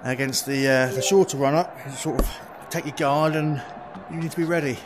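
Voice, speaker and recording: A man giving relaxed, chatty running commentary on his own play in a VR cricket game, with quick exclamations. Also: a little high. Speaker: gaming video creator. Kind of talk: live commentary while playing a VR cricket game. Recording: steady background noise.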